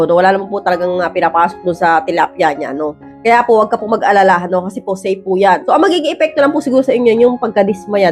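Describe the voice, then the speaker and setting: A woman hosting an advice vlog in a casual, blunt way. She keeps checking in with tag questions, and her voice has a roughened edge from years of rapping. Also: medium pitch, a little mellow. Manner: rapid, blunt delivery she calls man-like. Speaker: advice vlogger, host. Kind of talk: casual advice talk to viewers.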